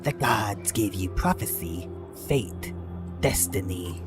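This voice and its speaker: A man voicing an ancient monumental serpent that speaks slowly and menacingly. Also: lowish voice, lively intonation, over music. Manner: slow, drawn-out, ominous delivery.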